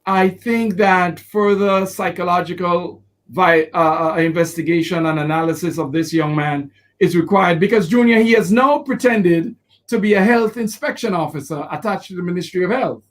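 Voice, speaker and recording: A man, a defense lawyer answering in an interview, expressive and quick to act out what people said. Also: high voice. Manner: expressive, acts out quotes with laughter.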